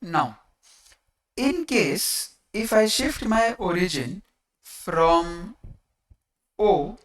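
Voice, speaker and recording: Maths lecturer, mid-pitched, measured and slow, short phrases with pauses, recorded at a distance from the microphone. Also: animated. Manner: deliberate, pausing between short phrases. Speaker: maths teacher. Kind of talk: lecture explaining coordinate geometry step by step.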